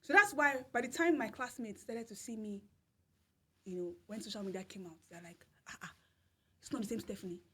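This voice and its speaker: Speaking fairly quickly in a mid-range, fairly bright voice, a Nigerian-accented woman shares a personal story on a podcast. It's a casual interview, and she leans on repeated phrases for emphasis while laughing through the telling.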